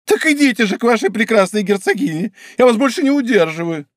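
A man's voice: expressive, fast, dry recording, clean studio sound. A man voicing a miserly, lovestruck middle-aged prosecutor's wife who pleads and scolds. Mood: indignant. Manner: pleading, shrill, emotional.

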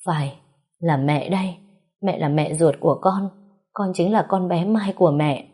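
A woman's voice: lowish voice, normal speed, mellow, husky. Woman doing a weeping, remorseful older mother. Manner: choked, sobbing.

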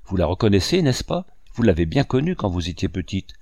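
Guy doing an aging painter in a storybook, wry and wistful, proud under it all, low voice, dry close sound. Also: sing-song, a little fast, vocal fry, darkish tone, no room sound, full character voice. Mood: shaken. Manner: wry musing monologue addressed to a housekeeper.

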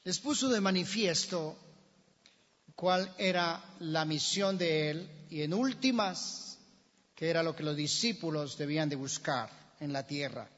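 Preacher, high voice, slow deliberate delivery, dull recording in a reverberant church. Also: male voice. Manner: animated storytelling, asks the congregation questions, acts out shouts. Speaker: pastor. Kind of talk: sermon. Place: church sanctuary.

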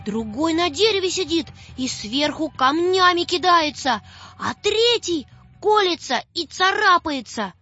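A woman voicing a frightened little girl who pleads tearfully in a high voice. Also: lively intonation, unhurried, a bit bright, muffled recording, soft background music, full character voice. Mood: frightened pleading.

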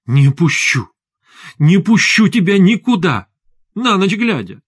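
A man reading an audiobook who voices a frightened wife, raising his voice high as she pleads and shouts. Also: big pitch swings, slow, husky, dry recording, studio quality, heavily acted. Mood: shouting. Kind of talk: audiobook character voice.

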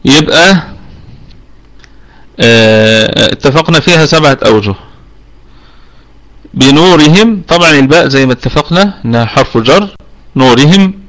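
A man from Egypt with an Egyptian Arabic accent, teaching Quran recitation rules in a live online lesson. He explains step by step, often checks that the listener follows, and slows down to demonstrate sounds. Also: on the high side, expressive, a bit bright, poor audio. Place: home room over online voice chat.

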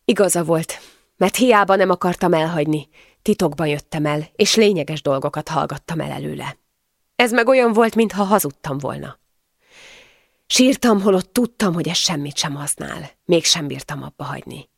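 Gravelly low woman narrating a novel. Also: dry recording, studio quality. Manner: emotional storytelling. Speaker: audiobook narrator. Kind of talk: first-person audiobook narration.

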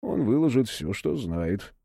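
Man doing a cold, bassy henchman. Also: unhurried, vocal fry, slightly rough, dry recording, clean studio sound, full character voice. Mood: menacing. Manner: bass, calm, indifferent interrogation.

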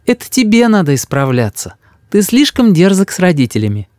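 A man's voice: sits high, sing-song, fairly quick, darkish tone, no room sound, pitched above the performer's own voice. A man reading an audiobook and voicing a mother who scolds her cheeky son. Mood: scolding. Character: scolding mother, loud and sharp.

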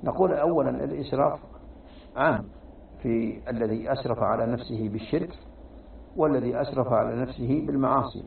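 Man, gravelly voice, religious lesson, tinny phone-like sound, distant echoey hall. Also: mid-range voice, a little fast, slight background noise. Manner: explanatory, restarts and repeats words. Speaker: Islamic scholar teaching tafsir.

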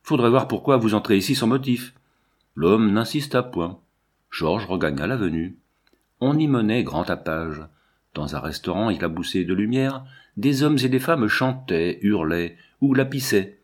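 A man narrating a classic novel with an expressive, varied delivery. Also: fairly low pitch. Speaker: audiobook reader. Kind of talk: literary narration.

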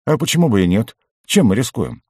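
A man voicing a steady, easygoing older male squad leader in an audiobook, unhurried and folksy. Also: mid-range voice, breathy edge, dry recording, clean studio sound, voice pushed up.

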